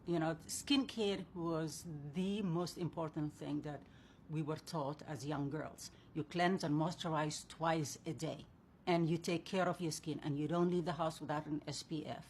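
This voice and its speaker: A woman in her fifties from Somalia shares her experience earnestly. Her voice sits somewhat low for a woman. A faint background hum runs beneath her. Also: fairly even intonation, unhurried, a little mellow. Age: 50s. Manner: earnest, speaks from personal experience. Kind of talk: personal reflection in a clip.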